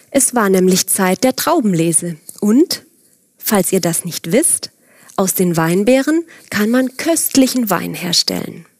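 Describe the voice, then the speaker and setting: A woman narrating a gentle children's story, speaking calmly and directly to the children and now and then dropping to a soft whisper. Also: medium pitch, no echo, studio quality.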